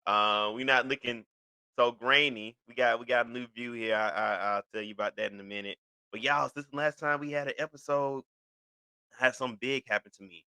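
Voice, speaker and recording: A man's voice: medium pitch, steady tone, fairly quick, bright, forceful tone, clear, resonant tone, no echo, low-quality recording. A man of thirty hosting his own show, talking casually to camera and rambling with lots of "you know" fillers and restarts. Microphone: video recording for an online channel.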